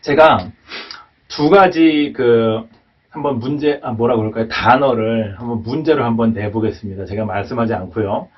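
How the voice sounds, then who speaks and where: A man's voice: medium pitch, moderate pace. Hesitant man lecturing, distant muffled mic. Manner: hesitant, many fillers and tag questions. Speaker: English pronunciation teacher. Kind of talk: whiteboard lecture.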